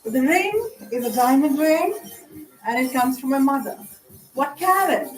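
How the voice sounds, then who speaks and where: A woman's voice: sits high, animated, unhurried. A middle-aged woman giving a playful, rambling spoken-word stage performance in a sing-song way. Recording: echoey room from far off with music.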